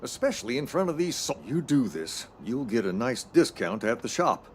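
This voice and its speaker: An actor playing a proud, cantankerous old shopkeeper in a video game, with an Old West American drawl and folksy cowboy-sidekick bluster. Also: male voice, mid-range voice, sing-song, moderate pace, a little hiss or hum, close to an everyday voice. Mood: exasperated. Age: older. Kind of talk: video game character acting.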